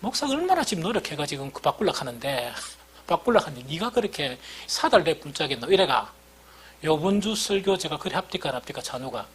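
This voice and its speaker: A man's voice: fairly high pitch, very animated, quick pace, slight background noise. A middle-aged male pastor with a Gyeongsang dialect accent, preaching a sermon with folksy, self-deprecating stories.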